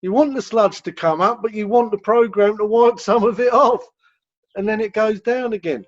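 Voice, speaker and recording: A man's voice: high voice, fairly even intonation, moderate pace. A man with an English accent answering questions as a rehab director on a video call, explaining at length and repeating words as he goes. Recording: dull lo-fi video call audio.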